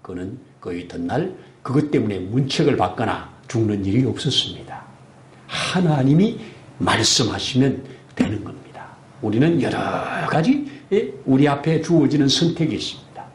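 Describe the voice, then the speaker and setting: A male pastor preaching a sermon, animated and acting out the voices in the scripture passages. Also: on the high side, slight background noise. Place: church sanctuary. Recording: echoey church room.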